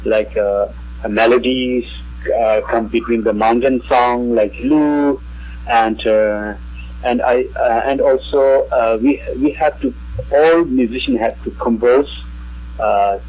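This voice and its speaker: Man, Tibetan accent, slightly rough voice, halting broken English, musician guest, radio interview. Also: medium pitch, steady tone, a little mellow, rough recording.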